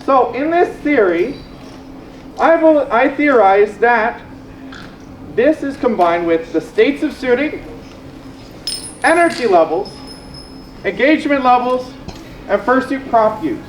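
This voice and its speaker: A convention panel host talks to a live room in a playful, teasing way, calling people up on stage. The voice sits in the middle of the pitch range. It echoes around a large room over a faint hiss. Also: lively intonation, takes it slowly, pauses often.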